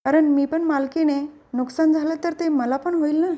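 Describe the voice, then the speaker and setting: Meddling taunting aunt read by a woman, high and mellow. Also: fairly even intonation, normal speed, highs cut off, natural voice. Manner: taunting, nosy. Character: meddling older aunt, sharp-tongued and taunting.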